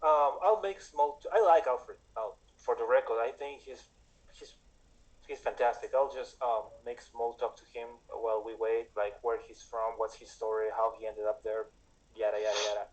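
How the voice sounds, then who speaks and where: A man playing a tabletop role-playing game, speaking hesitantly with many pauses and restarts. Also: mid-range voice, steady tone, rough recording. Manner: hesitant, lots of ums and restarts. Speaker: player.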